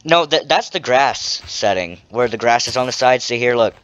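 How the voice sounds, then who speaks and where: A man's voice: medium pitch, animated, moderate pace, a bit bright, clear, resonant tone. A teenage boy with a slight lisp from braces, giggling and rambling as he plays a game with a friend. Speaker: co-player guest. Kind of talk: casual game chat. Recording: dull, muffled mic.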